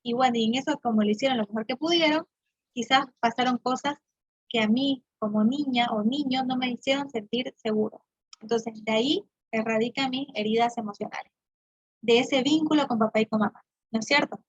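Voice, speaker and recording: A woman's voice: a little high, a little fast, breathy edge, dry recording, lo-fi sound. A woman psychologist giving a prevention talk to women, explaining step by step with examples and checking in often with her listeners. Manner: checks in often with "¿no es cierto?" and "¿bien?".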